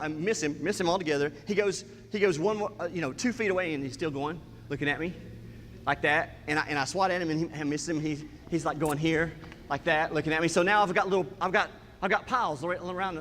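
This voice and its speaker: Animated man telling a story in a hall. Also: a little high, fast talker, slight background noise. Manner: animated, acts out scenes and quotes. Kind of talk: comic personal storytelling.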